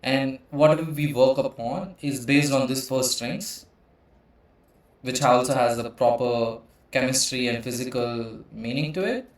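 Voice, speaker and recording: In a very echoey room, a thirty-something teaching-channel host from India presents computational biology from a slide deck. He's unhurried and hesitant, with frequent "uh" fillers, and his pitch stays in the middle range.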